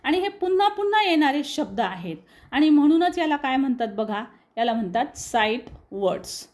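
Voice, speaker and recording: A woman with a Marathi accent, teaching English reading to students and slowly repeating each word for them. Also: sits high, very animated. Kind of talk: explaining a lesson on screen.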